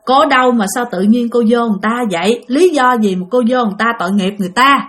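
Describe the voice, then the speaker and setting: A woman's voice: fairly high pitch, fast talker, a bit bright, close to an everyday voice. A woman voicing an older man who knows Buddhist rites, coaxing and questioning.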